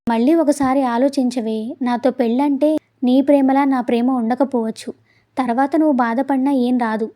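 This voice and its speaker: A woman reading an audio story and voicing an irritable young man who scolds in a gruff way. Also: high-pitched, steady tone, normal speed, mellow, lightly acted. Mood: annoyed. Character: irritable young man, stern yet softening.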